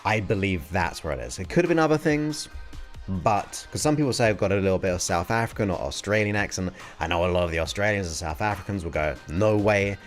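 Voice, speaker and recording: With soft music faintly audible behind him, a man in his forties hosts a casual live Q&A stream, reading viewer questions and musing aloud. His voice is low and unhurried, yet his intonation is lively.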